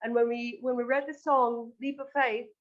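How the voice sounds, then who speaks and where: Being interviewed, a northern Greek woman who sings and writes lyrics for a band speaks earnestly and hesitantly, repeating words. Her fairly high voice holds a level tone at a moderate pace, in lo-fi sound.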